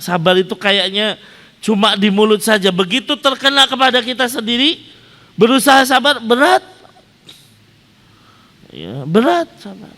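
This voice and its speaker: Male preacher, fairly high voice, lively sermon delivery full of rhetorical questions, recorded in a hall with long reverb. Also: normal speed, pauses often, soft background music. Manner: animated storytelling, rhetorical questions to the audience. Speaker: Islamic preacher.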